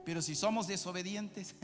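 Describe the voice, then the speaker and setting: A male pastor preaching a sermon, moving from quiet asides to shouted climaxes. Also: sits high. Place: church. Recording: long church reverb with music behind.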